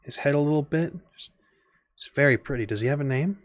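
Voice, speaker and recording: A man's voice: on the high side, fast talker, no room sound. A man narrating as game master of a tabletop game, loose and thinking aloud with many fillers.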